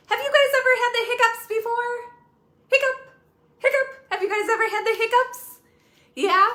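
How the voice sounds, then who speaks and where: A woman's voice: high-pitched, pushed and bright. A woman children's librarian hosting a virtual storytime, talking in a sing-song, coaxing way and asking young children questions. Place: at home. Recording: roomy echo.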